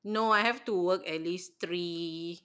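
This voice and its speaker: Woman, lowish register, relaxed conversational Singlish. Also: takes it slowly, clean tone. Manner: speaks Singlish, with lah and clipped grammar. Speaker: aspiring actress. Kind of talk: casual chat.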